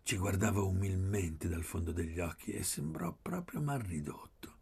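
A man reading a literary novel aloud, measured, often sinking to a soft, breathy near-whisper. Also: low-pitched, lively intonation. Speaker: audiobook reader. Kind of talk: literary audiobook narration.

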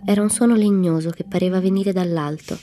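A woman reading a classic children's storybook aloud in a calm, even manner. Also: fairly low pitch, a little fast, a little hiss or hum. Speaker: audiobook narrator.

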